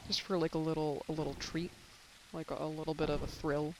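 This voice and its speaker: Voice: medium pitch, level tone, a little fast, a little hiss or hum, poor audio. A young adult game streamer chatting casually with viewers while playing, rambling and swearing a little, and losing their voice. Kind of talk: casual live-stream chat while gaming.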